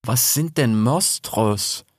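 A shy young male grey fox asks his questions hesitantly, voiced by a man. His voice stays soft and close, and the recording is dry. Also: medium pitch, takes it slowly, husky, dry recording. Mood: unsure.

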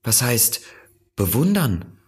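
A man's voice: medium pitch, sing-song, slow, pitched above the performer's own voice. A man voicing an earnest little boy prince. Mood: wondering. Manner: earnest, wondering, gentle.

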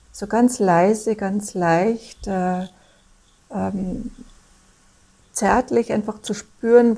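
A woman talking as a guest in a reflective conversation, speaking thoughtfully and often pausing to find her words. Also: mid-range voice, vocal fry, mellow, husky.

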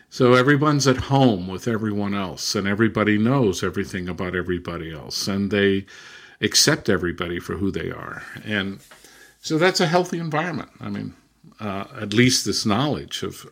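An older man, a professor and former missionary, answering interview questions with reflective anecdotes and a loud lecturing habit. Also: lowish voice. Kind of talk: conversational interview storytelling.

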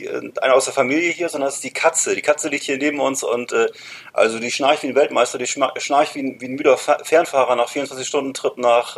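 A man's voice: medium pitch, slightly rough. A man chatting casually as a podcast co-host, explaining things and addressing the listeners directly.

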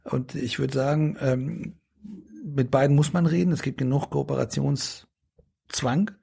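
A man's voice: mid-range voice, fairly even intonation, a little slow, vocal fry, warm tone, husky. A middle-aged man in a casual interview, talking in a rambling way with many restarts and fillers. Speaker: politician guest.

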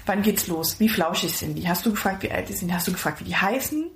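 A woman co-hosting a podcast, telling stories in an excitable, gushing way. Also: lowish voice, quick pace, slight background noise. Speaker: podcast co-host. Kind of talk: casual chat. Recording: echoey room.

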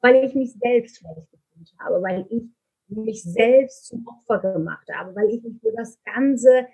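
A woman's voice: a little high, measured pace, mellow, husky, rough recording. A middle-aged woman from Turkey, speaking candidly and earnestly as an interview guest, with many fillers. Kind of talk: conversational interview.

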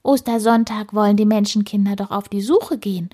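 A woman voicing a cheeky little male squirrel with a squeaky, piping voice, teasing and lecturing in a storybook. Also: fairly even intonation, a little fast, mellow, lightly acted. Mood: explaining. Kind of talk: storybook narration.

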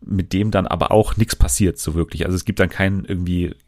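A man's voice: low-pitched, steady tone, brisk, a little mellow, dry recording, clean studio sound. A man hosting a casual talk show, chatting loosely about TV and streaming with many fillers and restarts. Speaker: podcast host.

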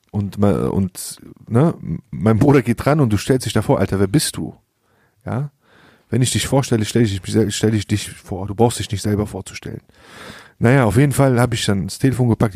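A man's voice: medium pitch, darkish tone, breathy edge, no room sound, clean studio sound. A young man telling a story in casual slangy chat, often laughing and acting out quoted lines. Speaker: podcast host.

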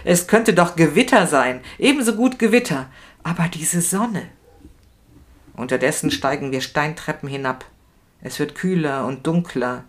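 Expressive woman reading a novel aloud. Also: sits low, normal speed. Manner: expressive, emotional, shifting between fear and anger. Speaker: reader. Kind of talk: literary reading, first-person narration.

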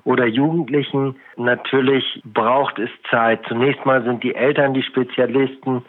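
A man's voice: mid-range voice, fairly even intonation, normal speed. Man speaking over a tinny phone line. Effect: voice heard over a telephone line. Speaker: charity volunteer guest on a phone call. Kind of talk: calm explanation to podcast hosts.

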